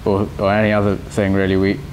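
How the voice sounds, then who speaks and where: A young man who plays guitar in a band answers slowly and haltingly, restarting his sentences often. His voice sits fairly low, and a faint background hiss runs under it. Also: completely flat delivery, darkish tone. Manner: halting, many restarts and fillers. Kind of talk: casual interview answers.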